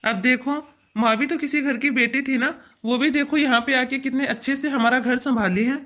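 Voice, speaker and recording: A woman's voice: sits high, fairly even intonation, moderate pace, a bit bright. A woman voicing a caring young man in a cartoon, who talks in an earnest, coaxing way. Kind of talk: cartoon dubbing.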